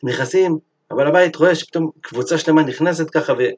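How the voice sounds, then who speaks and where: A man teaching a Torah lesson, telling a story in a lively sermon style and acting out its characters. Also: on the high side, breathy edge.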